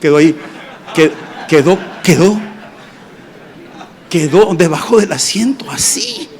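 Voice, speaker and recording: A man, a pastor, preaching a sermon and telling personal testimonies in an animated way with acted voices and sound effects. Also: a little high, a little slow, slight background noise. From Mexico. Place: church congress hall.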